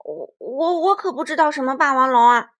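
A bashful male tyrannosaur, as a woman reads him stammers and blurts in a high, swooping voice. He speaks loudly and flusters easily, like a bully caught off guard in a children's storybook. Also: sing-song, unhurried. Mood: flustered.

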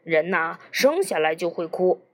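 A woman's voice: lowish voice, big pitch swings, a little slow, voice pushed down, heavily acted. A woman reading the part of a cheeky, joking man with a folksy, teasing way of talking. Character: joking, cheeky middle-aged man in therapy. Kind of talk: audiobook character reading.

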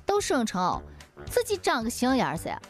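A woman voicing her caring, scolding village mother in a slightly lower, steady advising voice. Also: normal speed, faint music behind.

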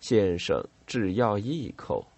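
A man reading an audiobook voices a hoarse, cringing river guide who sobs, stammers and begs for a drink. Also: fairly low pitch, expressive, slow, darkish tone, no echo, heavily acted. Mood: begging. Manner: sobbing, pleading and stammering.

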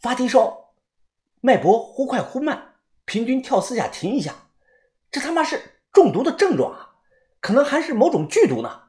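A narrator voicing a flustered young male Taoist who speaks high and fast and stammers in alarm. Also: big pitch swings, darkish tone. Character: young male Taoist with some medical skill, panicky.

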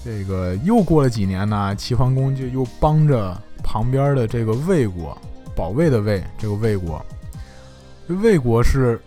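Lively joking male history storyteller. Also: medium pitch, moderate pace, soft background music.

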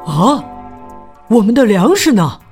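An excitable young farmyard keeper from a children's storybook, played by a woman calls out with a voice that swoops up and down. The delivery is slow and a little breathy, over faint music. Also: on the high side, full character voice. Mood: dismayed.

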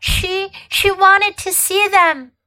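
A woman's voice: extremely high pitch, steady tone, takes it slowly, pushed and bright, pitched above the performer's own voice, heavily acted, poor audio. A woman voicing a frightened young boy who pleads eagerly and trembles as he speaks. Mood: trembling.

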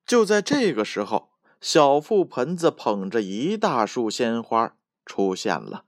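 A man reading a children's story aloud in an animated, drawn-out way. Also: mid-range voice, dry recording, studio quality.

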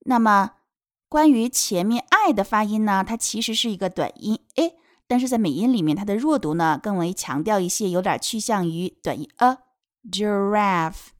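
A woman's voice: mid-range voice, animated, fairly quick, no echo, studio quality. A woman teaching a children's picture book, reading each line aloud and patiently explaining pronunciation step by step. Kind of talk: bilingual read-aloud lesson.

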